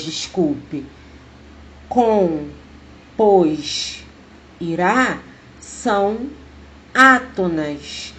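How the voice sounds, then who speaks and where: A Brazilian woman teacher speaking Portuguese, giving a remote grammar lesson to her class, slowly stressing each example word. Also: medium pitch, a little hiss or hum. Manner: slow, deliberate, stressing words as she explains.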